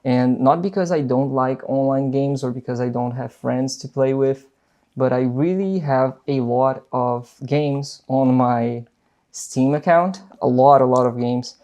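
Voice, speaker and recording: In an unscripted vlog, a young man from Brazil, a native Portuguese speaker, chats loosely to camera in accented English, peppered with fillers and restarts. He talks at a measured pace in a mid-range voice with a dark tone.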